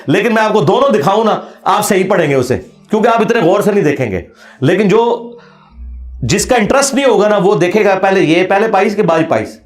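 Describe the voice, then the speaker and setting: A man giving an impassioned religious lecture, forceful and challenging, reciting Arabic phrases slowly. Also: high-pitched, echoey room. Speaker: religious speaker.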